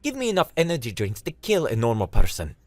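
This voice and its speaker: A man voicing a brash, sleepless young male hacker who talks fast and boastfully in an audiobook story. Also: mid-range voice, wildly swooping pitch, dry recording, voice pushed up. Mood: cocky.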